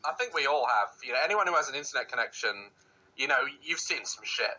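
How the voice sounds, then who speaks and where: A woman's voice: rumbling low, animated, fast, bright, forceful tone, breathy edge, rough recording. A woman hosting a casual reaction video, blunt and swearing freely, laughing often at what she watches.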